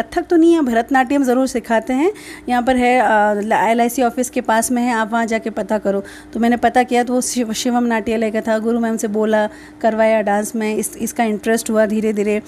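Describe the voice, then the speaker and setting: A middle-aged woman from Rajasthan, a mother chatting in an interview, telling lively stories about her daughter. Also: a little high, slight background noise. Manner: chatty, animated storytelling with voiced quotes. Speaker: mother of a young dancer. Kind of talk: casual interview.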